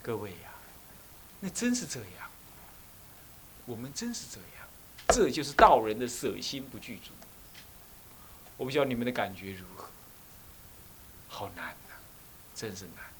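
With crowd noise around him, a middle-aged abbot from Taiwan delivers a dharma talk at normal speed and medium pitch, pausing often. His storytelling is animated: he mimics people scolding and asks his audience questions.

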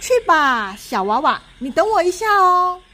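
A woman reading a children's storybook aloud, voicing a brave young boy who chants spells and calms his little sister. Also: very high-pitched, unhurried, pitched above the performer's own voice, exaggerated voice. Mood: reassuring. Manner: chanting spells, calm and reassuring.

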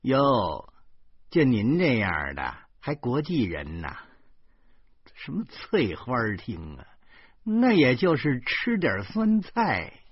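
A man voicing a sharp-tongued wife in her thirties who mocks and scolds, with a Beijing accent. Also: medium pitch, wildly swooping pitch, slow, husky, no room sound, voice pushed up, exaggerated voice. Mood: scornful. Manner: cutting and mocking. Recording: dull lo-fi recording.

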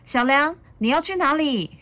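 A woman voicing a gentle, loving mother dinosaur with a tender manner. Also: on the high side, unhurried, voice pushed up. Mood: worried.

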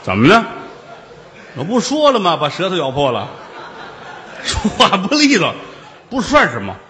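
Lively male storyteller. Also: sits high, normal speed, big-room sound, a little hiss or hum. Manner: lively, jokey asides to the listeners. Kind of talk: traditional comic storytelling.

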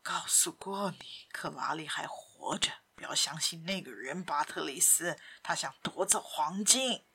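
A woman's voice: on the low side, huge pitch swings, vocal fry, bright, forceful tone, breathy edge, voice pushed down, full character voice. A woman doing a pained, whispering old father. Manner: faint pained whisper, halting. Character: old father, broken and pleading, male. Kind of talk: audiobook character voice.

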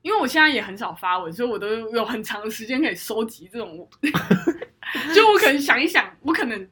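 A woman's voice: fairly high pitch, sing-song, brisk, sharp tone, slightly rough. A woman co-hosting a podcast, telling a story with lots of laughter and English words mixed in. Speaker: podcast co-host. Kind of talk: casual chat.

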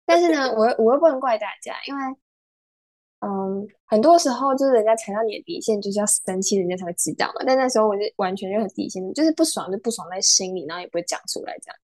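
A young woman, a podcast guest telling stories in a giggly, animated way. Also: mid-range voice, quick pace. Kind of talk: casual chat.

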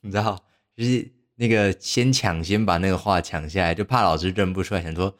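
A man's voice: sits low, a little fast. A young man, hosting a podcast and telling a story casually, rambling and poking fun at himself with lots of fillers. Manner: rambling, self-mocking, heavy use of fillers. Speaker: podcast host.

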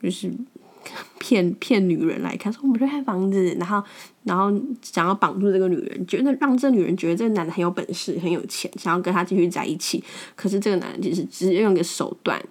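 Speaking quickly in a lowish voice, a young woman with a Taiwanese Mandarin accent tells stories on her podcast in a casual monologue. Her style is blunt and frank, with words repeated whenever she restarts.

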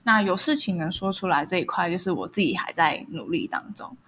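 A woman's voice: lowish voice, expressive, a little fast, a bit bright, slight background noise. A young woman with a Taiwanese Mandarin accent, frankly telling personal stories as a podcast guest. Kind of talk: casual personal storytelling.

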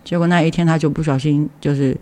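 A man tells a community story in a casual, chatty way. His voice sits a little high, he keeps reaching for fillers, and he briefly voices the people he quotes. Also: fairly even intonation, fast, warm tone. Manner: leans on fillers, acts out quoted dialogue. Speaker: community member sharing a story.

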